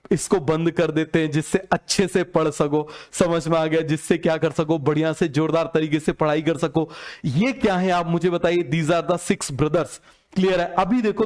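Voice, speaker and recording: Guy teacher, pretty high voice, keeps checking if u got it, acts out little scenes. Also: a little mellow. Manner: keeps asking "samajh mein aa gaya?", quizzing listeners; acts out dialogue between father and son. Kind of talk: classroom lecture with acted-out stories.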